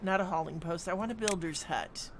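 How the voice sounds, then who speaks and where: A woman's voice: on the low side, brisk, background noise. A woman streaming a city-building game, thinking aloud as she plays, with plenty of hums and ums. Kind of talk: live gameplay commentary.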